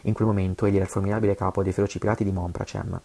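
Fast, low-voiced man reading a novel. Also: level tone, creaky, warm tone. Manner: occasional stumbles and self-corrections. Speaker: audiobook reader.

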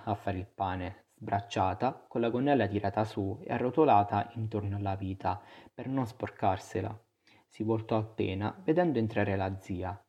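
Low, husky man reading a novel. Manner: measured, expressive first-person storytelling. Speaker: narrator. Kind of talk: audiobook reading of a literary novel.

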